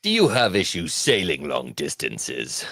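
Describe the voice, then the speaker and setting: A man's voice: low voice, huge pitch swings, a little slow, vocal fry, bright, forceful tone, no echo, clean studio sound, voice pushed down, full character voice. A man putting on a pirate voice to read a joking commercial for a podcast, in a playful mock-sales manner. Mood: mock salesy. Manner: playful mock-commercial delivery, breaking into laughs. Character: pirate pitchman reading a cheeky ad.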